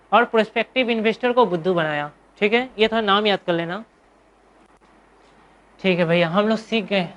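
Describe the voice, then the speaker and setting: Female commerce teacher, Indian accent, slightly high voice, asks and answers her own questions. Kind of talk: classroom lecture.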